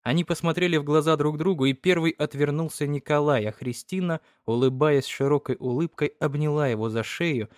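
A man reading a story aloud in measured, even narration. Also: on the high side, dry recording, clean studio sound. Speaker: audiobook reader. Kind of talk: scripted narration.

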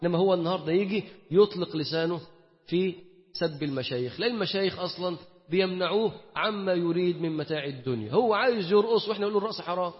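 A man with an Egyptian accent preaching a colloquial sermon, firing rhetorical questions at his listeners and swinging between loud and hushed. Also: high voice, animated, very fast. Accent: Egyptian Arabic. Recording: dull, echoey hall recording.

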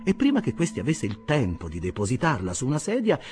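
A man narrating a literary audiobook in a measured, expressive storytelling manner. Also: medium pitch, music in the background.

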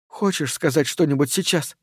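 A man reading a storybook voices a frightened young woman who speaks through tears in a hushed, shaky way. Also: low voice, moderate pace, slightly rough, no room sound, clean studio sound. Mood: hushed, grim. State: crying. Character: young woman, terrified, weeping, bitter.

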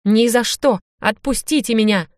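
Woman voicing a hulking male thug, hysterical, whiny, raised pitch, dry audiobook sound. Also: moderate pace, dry recording, lightly acted. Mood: panicked. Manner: whining, panicky, high-strung.

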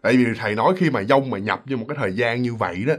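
A man's voice: medium pitch, racing. Chatty storyteller man. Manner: chatty, addresses listeners directly. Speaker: ghost story narrator. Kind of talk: casual storytelling.

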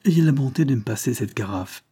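A man's voice: mid-range voice, animated, a little fast, mellow, breathy edge. A man reading a novel aloud, voicing a grieving man once wrongly accused of murder, heartfelt and mournful. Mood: distressed. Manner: heartfelt, mournful, tearful pleading.

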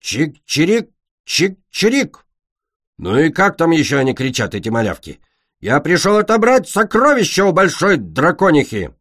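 A man's voice: a little high, very animated, brisk, a bit bright, dry recording, studio quality, pitched above the performer's own voice. A man voicing a playful young male dragon who acts as a growling, gleeful thief in a storybook reading.

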